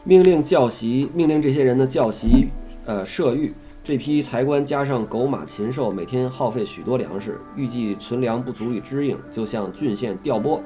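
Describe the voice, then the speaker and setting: A man's voice: medium pitch, normal speed, few pauses, dark tone, soft background music. A man reading a classical history text aloud, stopping now and then to ask questions and add his own comments.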